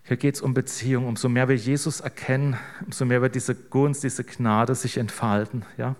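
A man's voice: mid-range voice, flat delivery, normal speed, a little mellow. A middle-aged man preaching a conversational sermon, chatty and informal, often ending phrases with a questioning tag to the congregation. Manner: casual, keeps adding "ne?" to draw in listeners.

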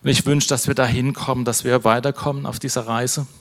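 A man's voice: mid-range voice, little pitch movement, brisk. A man preaching an informal sermon, conversational, with many fillers and tag questions. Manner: closes with a prayer.

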